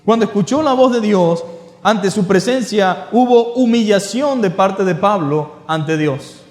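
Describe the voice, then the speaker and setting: High-voiced Venezuelan man preaching, echoey hall. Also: lively intonation, measured pace, a little mellow. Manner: emphatic preaching with repeated rhetorical questions. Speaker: pastor. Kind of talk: sermon. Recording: echoey church hall with long reverb.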